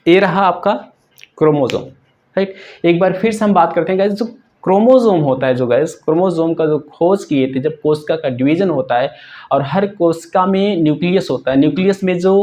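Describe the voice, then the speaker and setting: Man, teacher, slightly high voice, asks and answers his own questions, keeps saying "right?". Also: normal speed, darkish tone. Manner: repeats questions and answers them himself, keeps asking "right?". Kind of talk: explaining a science lesson.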